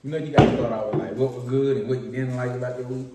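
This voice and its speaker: A man's voice: mid-range voice, fairly even intonation, racing. A young man chatting casually with his wife while eating, laid-back and slangy. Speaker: vlog co-host. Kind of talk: casual chat over a meal. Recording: very echoey room, faint noise.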